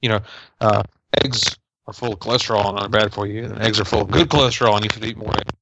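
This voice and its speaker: A man's voice: fairly low pitch, steady tone, quick pace, gravelly. A man chatting hesitantly as a podcast co-host, his voice crackling through a wireless mic with a loose connection. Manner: hesitant, searching for words. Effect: crackly, cutting-out wireless mic with a loose connection. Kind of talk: casual chat. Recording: dull crackly wireless mic with clicks and faint hiss.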